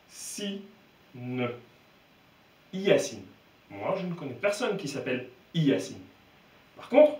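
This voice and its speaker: Man, reading lesson, emphatic, animated pitch, distant mic, roomy echo. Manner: slow, emphatic, repeats sounds. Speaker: teacher.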